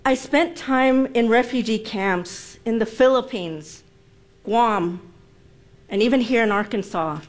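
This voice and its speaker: With a fairly high pitch, a Vietnamese-born woman in her forties delivers a personal speech she has prepared. Vietnamese is her first language, and she stresses her words in a careful, deliberate way.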